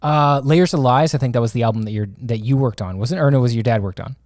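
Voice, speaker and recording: A man's voice: mid-range voice, quick pace, darkish tone, no room sound, clean studio sound. A man hosting a podcast, chatting casually in a friendly, rambling way with many fillers and some swearing. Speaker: podcast host. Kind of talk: casual interview chat.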